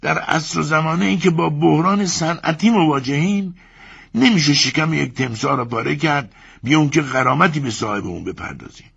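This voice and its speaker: A man voicing a calm, pompous man swallowed by a crocodile, speaking in a steady, lecturing way with a muffled, distant sound. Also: a little high, gravelly, slightly rough, pitched above the performer's own voice, exaggerated voice. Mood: composed.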